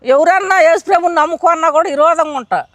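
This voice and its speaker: A woman's voice: extremely high pitch, fast, a bit bright, no echo. An older woman gives an earnest, pleading testimony of her faith in an interview. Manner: earnest, pleading, acts out her own past prayers. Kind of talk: emotional testimony.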